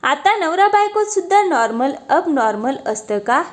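Woman doing a shy blushing new bride, soft protests, a bit high, storybook reading. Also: big pitch swings, normal speed. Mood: bashful. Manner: bashful, gently protesting. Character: shy newly married young wife.

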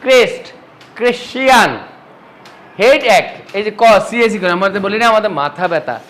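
A man's voice: sits high, expressive, normal speed, a bit bright, poor audio. A man teaching an English pronunciation lesson, who asks his class questions and answers them himself.

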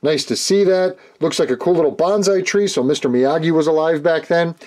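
A man hosting a casual model-kit build walkthrough from his hobby workshop, chatting along with playful, deadpan jokes. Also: fairly high pitch, brisk. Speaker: hobby channel host.

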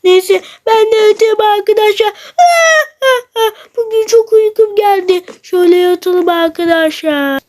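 A very high, piping voice belonging to a gaming YouTuber who narrates a block-building role-play straight to the viewers. The delivery is excitable and chatty, breaking into sudden shouts and dramatic wails. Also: slow, a little hiss or hum.

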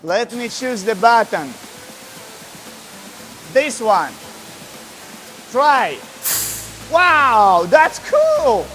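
A young man with a Slavic English accent hosting a casual vlog, excitable and enthusiastic, on a lapel mic outdoors and at a car wash. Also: very high voice, very slow, pauses often, slight background noise. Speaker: vlog host. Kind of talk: casual chat.

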